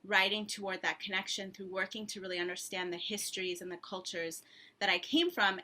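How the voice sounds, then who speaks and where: A woman's voice: mid-range voice, pushed and bright. A woman author in her thirties answering at length in a thoughtful, conversational way, with frequent ums and restarts. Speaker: author and guest.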